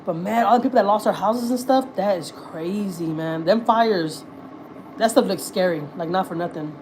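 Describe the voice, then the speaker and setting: Streaming casually from her home, a woman from Houston, Texas chats and reads out viewer comments, her talk loose with blunt slang and filler words. She speaks at a moderate pace in a medium, darkish voice, and the rough recording carries a little hiss or hum.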